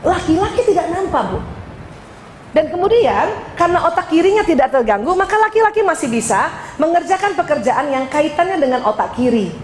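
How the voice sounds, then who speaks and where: Animated woman lecturing in an echoey hall. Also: extremely high pitch, fairly quick, slight background noise. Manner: animated, teasing, addresses audience as "Bu". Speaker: speaker giving a parenting talk. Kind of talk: lively lecture to a women's study group. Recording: echoey hall with faint background ambience.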